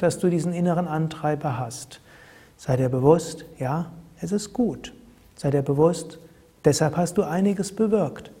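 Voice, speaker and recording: Man, higher pitch, breathy tone, calm repetitive advice. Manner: calm, measured, repeats key phrases. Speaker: host giving self-help tips. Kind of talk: spoken advice talk.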